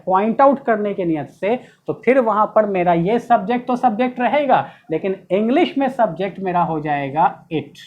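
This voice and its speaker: A man's voice: high-pitched, a little mellow. A man teaching English grammar in a classroom-style lesson, explaining step by step and checking with rhetorical questions. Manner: explains step by step, asks rhetorical questions, stresses key words.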